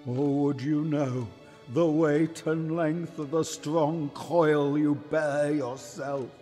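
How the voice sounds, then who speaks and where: Slow, echoing ghost of Jacob Marley. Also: male voice, on the high side, fairly even intonation, mellow. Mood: solemn, accusing. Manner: slow, grave, declamatory, wailing. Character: anguished, mournful ghost of a dead businessman. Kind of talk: theatrical audio drama acting. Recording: cavernous reverb with music.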